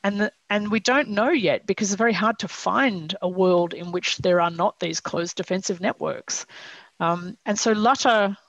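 A woman in her fifties speaks into a headset on a video call from her home study. Her voice is gravelly and husky, with a dry, close sound. She talks emphatically and poses rhetorical questions. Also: mid-range voice, normal speed, dry recording, rough recording. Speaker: seminar presenter. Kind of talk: academic discussion on a video call.

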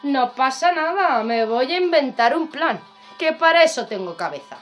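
Storybook big bad wolf, sly and greedy, drawn-out drawl played by a woman, lively pitch. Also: soft background music. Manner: drawls slowly, then roars in fury.

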